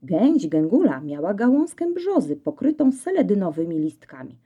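A woman reading a children's story aloud in a lively, playful storytelling manner. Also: mid-range voice, normal speed, husky, phone-quality sound.

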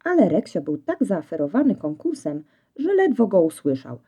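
A woman reading a children's story aloud in a lively, playful storytelling manner. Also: mid-range voice, normal speed, slightly rough.

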